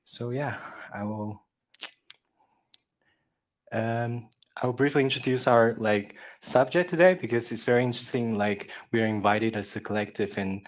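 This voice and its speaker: A man's voice: medium pitch, normal speed. A man in his thirties from Taiwan, a visual artist speaking casually on a panel, hesitant with many fillers and restarts. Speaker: visual artist, collective member.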